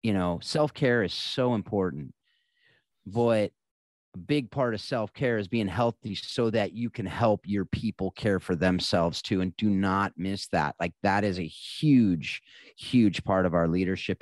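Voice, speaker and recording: A man's voice: low-pitched, a little mellow, no echo. A man co-hosting a podcast, chatting casually in an earnest, coaching way. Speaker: podcast co-host.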